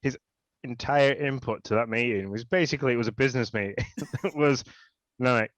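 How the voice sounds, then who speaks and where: A man's voice: medium pitch, brisk, no echo. A man co-hosting a casual podcast, chuckling and responding to his co-host's story. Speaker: podcast co-host. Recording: dry, dull lo-fi mic.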